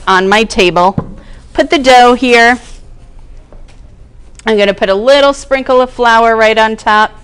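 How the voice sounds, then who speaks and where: Female cooking teacher, middle pitch, clean resonant tone, relaxed and talkative. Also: smooth. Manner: chatty, explains each step while working. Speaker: cooking class instructor. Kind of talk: casual cooking demonstration. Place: kitchen classroom.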